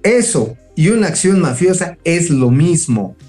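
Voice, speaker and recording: A man's voice: fairly high pitch, big pitch swings, measured pace, a little mellow, faint music behind. A man with a Mexican accent co-hosting a political talk show, blunt and swearing freely. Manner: blunt, profane, mocking. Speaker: co-host.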